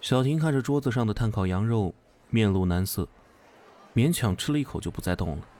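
A man narrating a horror story in an expressive, suspenseful style. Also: lowish voice, a little fast.

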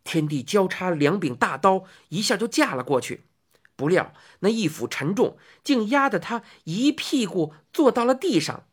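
Expressive woman reading a story aloud. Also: medium pitch, normal speed, breathy edge. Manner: expressive, with sound effects. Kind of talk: storybook narration.

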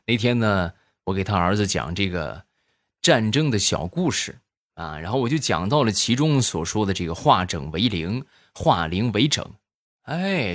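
Lively low-voiced man telling jokes. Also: no echo, studio quality. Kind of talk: comic storytelling.

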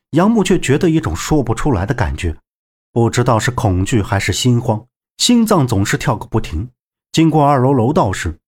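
Husky, expressive male storyteller. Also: medium pitch. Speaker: audiobook narrator. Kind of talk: web novel audiobook narration.

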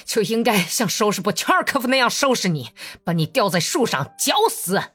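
A woman reading an audiobook voices a quarrelsome middle-aged Cossack man who shouts in a shrill, snarling voice. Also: big pitch swings, a little slow, slightly rough, soft background music, heavily acted.

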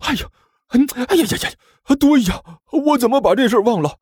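A man doing a shrill whiny pleading sidekick. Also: wildly swooping pitch, slightly rough, no room sound, clean studio sound, heavily acted. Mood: panicked. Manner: high, fast, wheedling and begging. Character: whiny pleading younger sworn brother, beaten.

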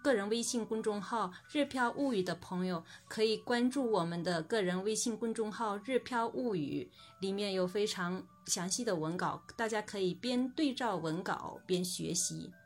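A woman teaches a recorded language lesson at an ordinary middle pitch. She explains patiently and says each example word slowly and clearly. Soft music plays faintly behind her.

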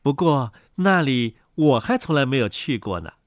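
Woman doing a low weary mother duck, grumbling, storybook, dry close voice. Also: very animated, moderate pace, dry recording. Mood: boastful. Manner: tired and complaining.

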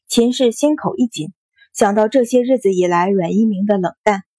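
A woman narrating an audiobook of a period novel in a steady storytelling manner. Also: medium pitch, moderate pace, husky, dry recording.

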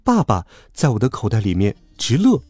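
A man narrating a children's story in an expressive, animated way. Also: medium pitch, moderate pace. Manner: lively, animated. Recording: dry close recording with faint music.

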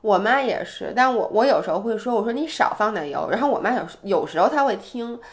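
Young woman podcast host, kinda high voice, super animated, does her parents' voices when she tells stories. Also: quick pace. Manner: animated storytelling, acts out quoted parents with a raised voice. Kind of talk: casual chat.

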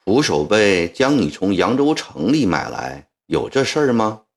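A male storyteller voicing a stern elderly Qing viceroy who questions people in a measured, low, gentle way. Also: sing-song. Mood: grave, coaxing.

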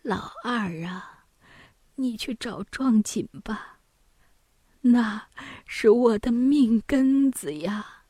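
A woman voicing a frail, ailing old mother who pleads in a faint, breathy half-whisper, in a storybook reading. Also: a little high, extremely slow, mellow, dry recording, clean studio sound. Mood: pleading.

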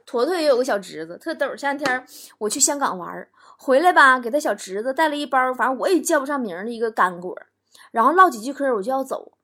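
A woman's voice: high voice, lively intonation, fast, fairly bright tone. A woman talk show host reading listener jokes aloud in a comic way, laughing between the bits. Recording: noisy recording.

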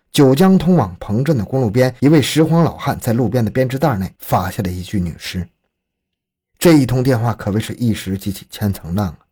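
A man's voice: medium pitch, warm tone, husky. A man narrating a scripted true crime story in a dramatic, suspenseful storytelling manner.

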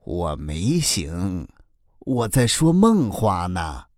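A man doing a slow, sleepy old turtle. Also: deep voice, sing-song, dry recording, clean studio sound, heavily acted. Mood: sleepy, gentle. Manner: slow, drowsy and good-humored.

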